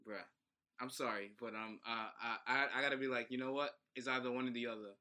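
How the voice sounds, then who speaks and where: A man's voice: mid-range voice, fairly even intonation, fairly quick, bright, forceful tone. A man co-hosting a casual podcast chat, laid-back, laughing often and saying "bruh" and "yo". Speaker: podcast co-host.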